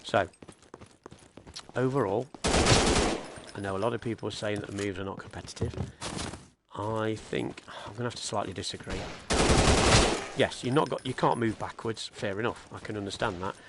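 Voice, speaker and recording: A man talks through a shooting game in a relaxed, chatty way, breaking off with fillers as he explains the controls. His voice sits a little low, and loud game gunfire and clicks rattle behind him the whole time. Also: normal speed, pauses often, very noisy. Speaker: gaming video creator. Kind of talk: casual gameplay commentary. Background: loud gunfire and game sounds.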